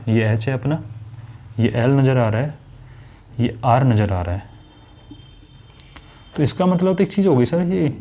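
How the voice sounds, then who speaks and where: A man with a warm, medium-pitched voice is explaining a maths lesson to his class. He's chatty and direct with the students, often giving voice to the questions they'd ask.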